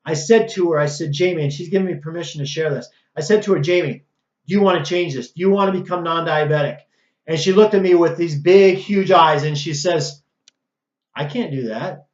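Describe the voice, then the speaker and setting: A man's voice: a little high, a little fast. Earnest man preaching health, roomy sound. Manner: earnest, preachy, repeats "guys" often. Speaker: chiropractor. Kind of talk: direct-to-camera health talk. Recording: roomy and slightly dull.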